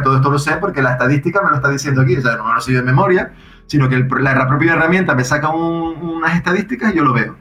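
A man casually explaining how his software works, thinking aloud with frequent restarts. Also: fairly high pitch, echoey room. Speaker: software developer guest.

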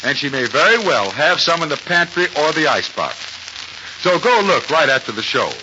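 Old radio announcer guy, american, 1940s, voice swoops around, chummy pitch to kids, muffled noisy recording. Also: very animated, normal speed. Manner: chummy salesman addressing children.

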